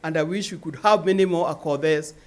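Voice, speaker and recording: A woman's voice: deep voice, brisk. An older woman, a grandmother, giving an earnest speech at a charity event and urging parents to care for their children. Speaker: guest speaker.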